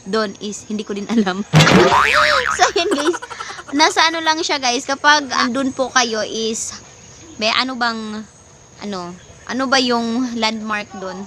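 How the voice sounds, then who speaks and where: A chatty woman with a Filipino accent talks through a casual vlog in a slightly high voice. She leans on fillers and jumps between languages. Steady background noise runs under the recording. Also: unhurried, pauses often. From Philippines. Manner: chatty, mixes English into Tagalog, many fillers, laughs often. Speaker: plant vlogger.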